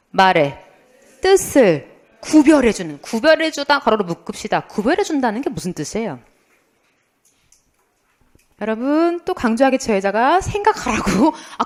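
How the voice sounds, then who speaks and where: Lively woman lecturer quizzing her class. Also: high-pitched. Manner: lively, asks students questions and answers them herself; playful, imitates sounds and tells funny anecdotes. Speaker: Korean language lecturer. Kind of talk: civil-service exam prep lecture.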